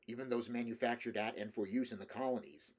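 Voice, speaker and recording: A man's voice: medium pitch, fairly even intonation, fast, a little mellow, close to an everyday voice. A man voicing a weary, curt male bounty hunter with a terse, dismissive manner.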